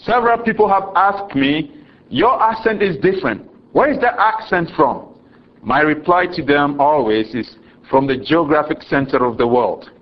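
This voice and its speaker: A Ghanaian man preaches a sermon in a Ghanaian accent, slow and deliberate, often chuckling and dropping his voice low for solemn lines. His intonation is lively, though the recording sounds muffled.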